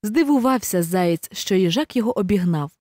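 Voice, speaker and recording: A woman reading a children's fairy tale aloud in an expressive, animated way. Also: mid-range voice, a little fast, no echo, studio quality. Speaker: storyteller. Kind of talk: storybook reading.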